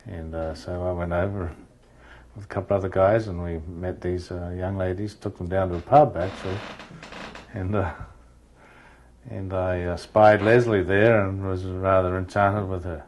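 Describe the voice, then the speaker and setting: A man speaks in an interview, his voice on the low side. He recalls things haltingly, dotting his speech with fillers. A faint noise sits under the recording. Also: level tone, darkish tone. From New Zealand. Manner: hesitant, with many fillers. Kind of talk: candid interview recollection.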